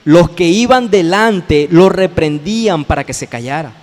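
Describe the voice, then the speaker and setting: Colombian male pastor, high-pitched sermon delivery, explains and repeats for emphasis, echoing church hall. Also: lively intonation, unhurried, a little mellow. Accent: Colombian Spanish. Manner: explanatory, addresses listeners directly, repeats phrases for emphasis. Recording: long reverb of a church hall.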